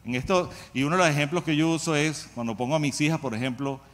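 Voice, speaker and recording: Conversational preacher in a reverberant hall. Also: male voice, a little high, quick pace. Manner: conversational, asks the congregation questions. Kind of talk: sermon.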